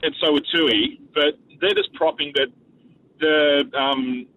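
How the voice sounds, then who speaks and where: An Australian man phoning a sports talkback show, speaking casually in a halting, laconic way. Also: a little high, fairly even intonation, distant mic. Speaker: radio talkback caller. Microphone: phone. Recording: tinny, noisy phone line.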